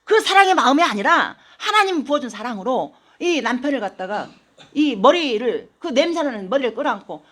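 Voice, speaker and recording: A woman pastor preaching a sermon in a church, telling stories with animated, acted-out quotes. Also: high voice, fairly quick. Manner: animated storytelling, acting out quoted voices. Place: church sanctuary.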